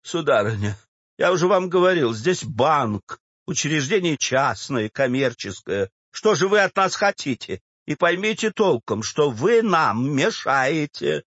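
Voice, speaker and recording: A man's voice: fairly high pitch, big pitch swings, measured pace, fairly bright tone, slightly rough, dry recording, lo-fi sound, full character voice. A man voicing a sickly, fretful bank director who moans and complains in a storybook reading. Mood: fretful weary. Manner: moaning, fretful, exhausted.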